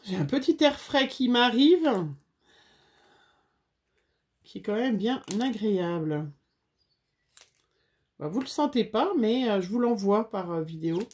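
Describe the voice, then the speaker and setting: A woman's voice: fairly high pitch, lively intonation, a little slow, pauses often, darkish tone. A woman chatting casually to viewers while making a scrapbooking craft, with frequent fillers.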